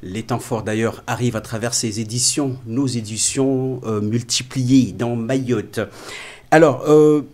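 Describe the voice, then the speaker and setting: A man's voice: mid-range voice, unhurried, darkish tone. A man hosting a radio interview, formal and full of hesitations. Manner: frequent hesitations, formal address. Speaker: radio host.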